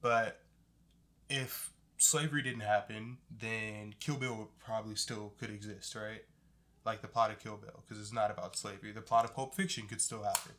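A man's voice: on the low side, fairly even intonation, normal speed, fairly bright tone, a little hiss or hum. A young man co-hosting a casual movie chat in laid-back, profane frat-bro slang. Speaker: podcast co-host.

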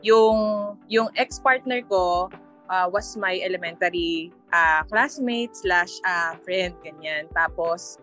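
A Filipino woman in her thirties answering as a podcast guest, mixing Tagalog and English in the same sentences and pausing to search for words. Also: on the low side, fairly bright tone, faint music behind. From Philippines. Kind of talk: conversational interview answers.

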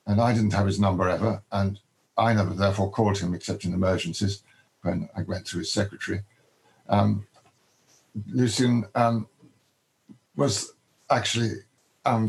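An older man, a biographer, answering interview questions in a halting way, with many ums and restarts. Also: on the low side, fairly even intonation, darkish tone, poor audio.

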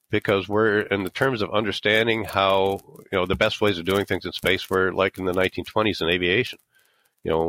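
A middle-aged man giving explanatory interview answers, starting haltingly and then making his points emphatically. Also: low-pitched, a bit bright. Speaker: interview guest, author and former aerospace engineer.

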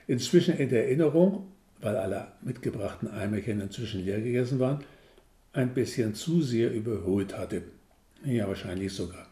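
A man's voice: medium pitch, dark tone. A man in his sixties reading his own humorous story aloud in a wry, self-mocking way. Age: 60s. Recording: roomy echo.

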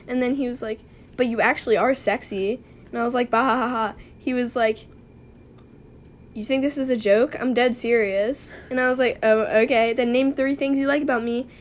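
A young woman co-hosting a casual chat, animatedly reading out text messages and giggling. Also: fairly high pitch. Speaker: podcast co-host.

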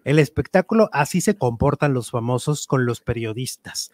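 A man's voice: mid-range voice, animated, moderate pace, a little mellow, dry recording. A man chatting casually about celebrity gossip, talkative and opinionated, with many fillers. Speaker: entertainment news commentator.

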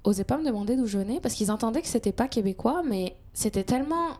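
A woman's voice: on the high side, expressive, fast talker, warm tone. French woman with a light Quebec accent. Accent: French with a light Quebec touch. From France. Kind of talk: casual panel chat.

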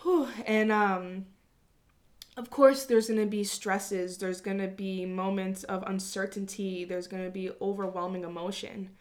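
A woman's voice: medium pitch, level tone, measured pace, a little mellow. Woman vlogging, earnest rambly heart to heart, swears casually. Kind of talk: reflective personal monologue.

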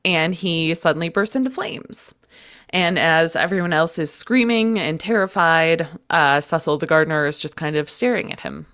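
A woman co-hosting a podcast who sounds stuffed up and congested. She chats casually and agreeably, guiding the talk in a relaxed way. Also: low-pitched, moderate pace. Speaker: podcast co-host. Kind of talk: casual chat.

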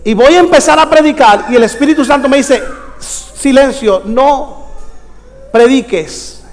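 A Puerto Rican man preaching a storytelling sermon in Spanish with a Puerto Rican accent, dramatically acting out dialogue and bursting into shouts. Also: very high-pitched, fast talker, slight background noise. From Puerto Rico. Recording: long hall reverb.

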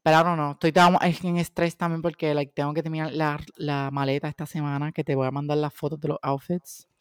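A man's voice: on the high side, little pitch movement, fairly quick, clean tone, dry recording, studio quality. A man in his twenties with a Puerto Rican accent co-hosts a podcast in casual Spanglish, constantly switching between Spanish and English. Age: 20s. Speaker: podcast co-host. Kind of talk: casual chat.

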